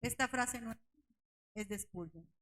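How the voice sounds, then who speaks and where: High-pitched female Bible teacher, engaging the congregation with questions, building to fervent near-shouted emphasis. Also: unhurried, rough recording. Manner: questions the congregation and calls them brothers; voice rises to near shouting on key points. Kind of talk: church Bible study teaching.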